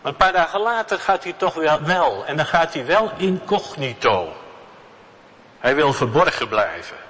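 A man preaching a sermon in a church, slow and emphatic, repeating key words. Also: fairly high pitch, very animated, a bit bright. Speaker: pastor. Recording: long church reverb.

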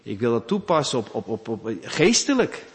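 A man preaching a sermon, telling the story dramatically, dropping to a hush and then rising loud. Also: medium pitch, sing-song, normal speed. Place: church. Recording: long reverb of a church hall.

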